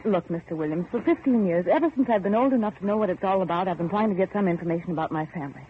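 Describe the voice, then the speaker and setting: An actress playing an anxious, insistent young heiress in vintage radio horror, questioning with pleading, melodramatic urgency. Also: female voice, lowish voice, rapid-fire, lightly acted. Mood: pleading, exasperated. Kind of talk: 1940s radio horror acting. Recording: noisy muffled old radio recording.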